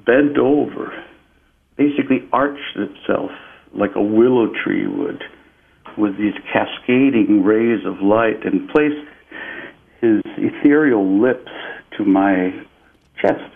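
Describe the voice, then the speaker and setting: Peru-born guy telling a spiritual story, slow and reflective, lower voice, sounds like a phone line. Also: expressive, creaky. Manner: slow, deliberate and reflective, with frequent repeated "and"s. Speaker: interview guest.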